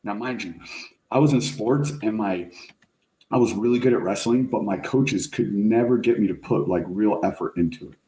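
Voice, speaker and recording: Middle-aged male guest, storyteller, slangy and animated, warm dark tone, roomy sound. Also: lowish voice, normal speed. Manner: animated, slangy, says "like" and "bro" often. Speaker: guest, fire service chief officer. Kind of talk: casual storytelling in podcast interview. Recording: roomy echo.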